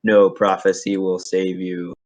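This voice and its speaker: Booming telepathic monster voice from a dying beast done by a man running the tabletop game, low, flat, grave prophetic tone. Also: unhurried. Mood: ominous. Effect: booming voice heard inside the mind. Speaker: game master.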